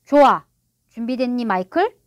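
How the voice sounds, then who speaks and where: A woman's voice: fairly high pitch, expressive, normal speed, dry recording, studio quality, natural voice. A woman voicing a proud, sulky middle-aged father who blusters and gets defensive. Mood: indignant.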